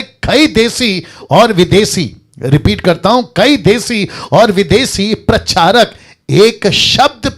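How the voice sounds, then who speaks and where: A man preaching a sermon as a pastor, emphatic and repeating lines for effect. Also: fairly high pitch.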